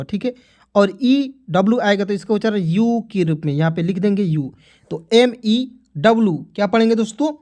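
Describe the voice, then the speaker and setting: Speaking in a high, mellow voice, a man runs an online lesson on English pronunciation rules. He keeps calling his viewers friends, repeats himself a lot, and now and then slips into motivational exhortation.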